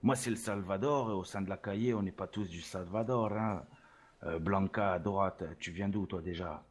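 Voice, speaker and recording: A man plays a swaggering Salvadoran head of a rap label in a role-play interview, speaking at normal speed in a low-pitched voice. Boastfulness runs through his lines, which are dotted with Spanish words and "hein."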